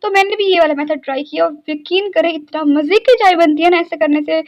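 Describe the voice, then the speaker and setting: A woman's voice: very high-pitched, brisk, a little mellow, highs cut off. A young woman, narrating her day in a chatty, rambling vlog full of little fillers. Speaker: vlogger. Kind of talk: casual daily-life vlog narration.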